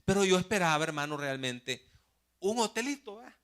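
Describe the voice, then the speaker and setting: A man's voice: high-pitched, brisk. A man from El Salvador, a pastor telling stories in a Sunday sermon and often addressing the congregation as "brother". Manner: animated storyteller, often says "mi hermano". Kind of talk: sermon with storytelling. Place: church.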